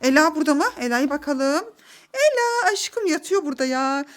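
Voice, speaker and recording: A woman in her thirties, a mother leading a play game for her children at home, calling out excited, bossy commands. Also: high-pitched, moderate pace. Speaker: mother running a family game. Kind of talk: playful family vlog. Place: home, indoors.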